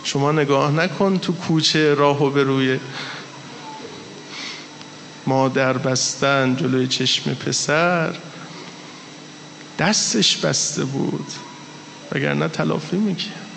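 A man's voice: on the high side, creaky, pauses often, a bit bright, a little hiss or hum. A man preaching an impassioned mourning sermon to a live gathering, telling the story with strong emphasis. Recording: reverberant hall with faint ambience.

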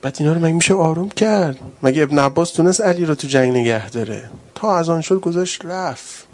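A man preaching a sermon with great passion, rising to loud urgent cries and dropping to hushed, tender speech. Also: fairly high pitch, expressive.

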